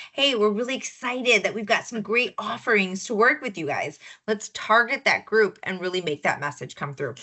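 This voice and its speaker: A woman giving an upbeat, chatty walkthrough of marketing software for loan officers, often checking in with "right?". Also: mid-range voice. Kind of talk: product demo walkthrough.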